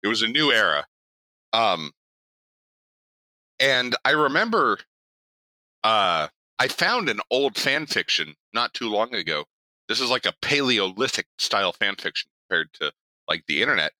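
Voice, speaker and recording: A young man co-hosting a podcast in casual chat, animated and laughing, with quick swearing asides. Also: on the low side, dry recording, rough recording. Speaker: podcast co-host.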